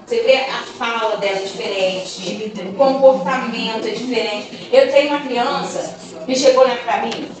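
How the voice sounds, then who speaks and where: High-voiced woman telling lively stories. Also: normal speed, crowd noise. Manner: animated storytelling, acting out children and parents. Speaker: guest speaker on gifted education. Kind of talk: casual talk to teachers. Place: large room or hall at a school training session. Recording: echoey room, voice from far off.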